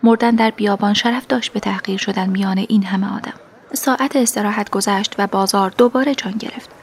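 Woman narrator for a first-person audiobook; soft, half-whispered reading at a middling pitch. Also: steady tone.

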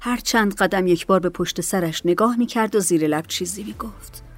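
A woman narrating a story in a soft, hushed reading voice. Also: medium pitch. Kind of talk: audiobook narration. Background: faint music.

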